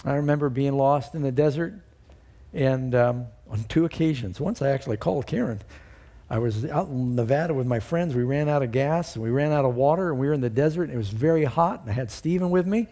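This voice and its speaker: Mellow-voiced man preaching a sermon. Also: a little fast. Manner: storytelling, rising high and loud to voice Bible quotes. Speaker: pastor.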